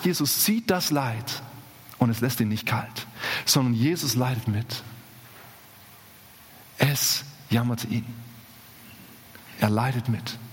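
A male pastor preaching a sermon with emphasis, repeating key phrases and slowing down on the important words. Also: medium pitch. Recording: long hall reverb.

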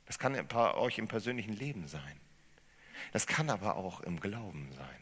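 A man preaching a sermon as pastor, speaking with animated emphasis and putting questions to his congregation. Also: on the low side, normal speed, breathy edge. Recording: reverberant hall.

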